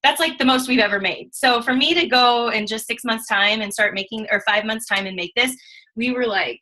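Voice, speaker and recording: A woman in her thirties telling her own story in a casual, animated way, acting out what she and others said. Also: a little high, fairly quick, poor audio. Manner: animated, emotional storytelling with quoted asides. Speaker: network marketing distributor. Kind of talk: casual testimonial chat.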